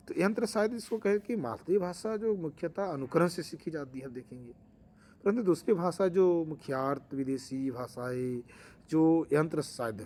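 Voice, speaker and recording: Male teacher, somewhat high pitch, explanatory lecture tone, faint background noise. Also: darkish tone. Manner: explanatory, with fillers and restarts. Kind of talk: exam-prep lecture.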